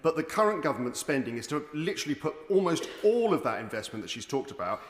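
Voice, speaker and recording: A man, a member of parliament, making a halting intervention in a debate. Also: a little high, big pitch swings. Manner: halting, with repeated words. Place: large parliamentary chamber. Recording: echoey hall with long reverb.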